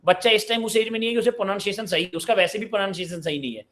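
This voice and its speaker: A man in his late twenties from Uttar Pradesh, India, hosts a live online parenting session in a high-pitched, slightly bright voice, speaking very fast. He reads out viewers' questions and answers them conversationally.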